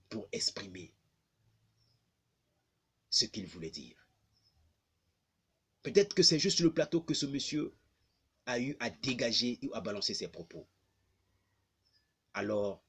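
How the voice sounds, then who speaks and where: Man, Congolese French accent, blogger addressing viewers, lively rising and falling pitch, husky voice, emphatic repetition. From Republic of the Congo. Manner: emphatic, repeating phrases for stress.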